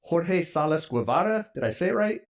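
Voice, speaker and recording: A man's voice: fairly high pitch, sing-song, moderate pace. A man hosting a travel podcast, reading his intro and welcoming a guest in an enthusiastic, friendly way. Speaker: podcast host. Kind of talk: upbeat podcast intro and interview.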